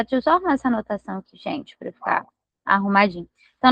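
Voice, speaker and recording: Teacher, woman, fairly high voice, patient step-by-step explainer, dry close mic, slightly dull audio. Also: no room sound. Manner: patient, explains step by step and checks understanding often. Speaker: Portuguese language teacher. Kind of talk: online grammar lesson.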